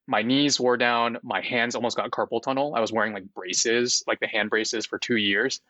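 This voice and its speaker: A man of about thirty, a startup founder, talks in a relaxed, rambling way full of fillers, often laughing as a guest in an interview. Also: medium pitch, moderate pace, no echo, lo-fi sound. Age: 30s. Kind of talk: casual interview chat.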